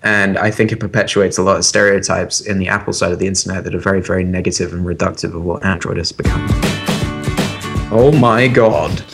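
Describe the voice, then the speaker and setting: Man, lowish pitch, casual tech podcast chat, opinionated, filler-heavy. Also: quick pace, hardly any pauses, loud music behind the voice. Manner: animated, opinionated, many fillers and restarts. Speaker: podcast co-host.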